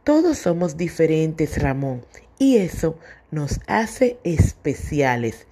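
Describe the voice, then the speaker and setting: A woman voicing a wise, kind old male chimpanzee in a children's storybook, speaking gently and reassuringly. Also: deep voice, sing-song, slow, heavily acted. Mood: gentle.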